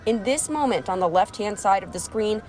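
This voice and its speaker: A woman TV news reporter narrating a scripted story in a steady way. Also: medium pitch, a little fast, slight background noise.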